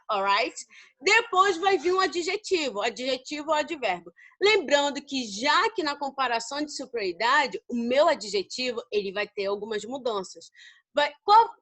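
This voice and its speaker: A woman's voice: high voice, a bit bright. A woman with a Brazilian Portuguese accent teaching an English grammar lesson. She asks questions and answers them herself, and calls her students babies.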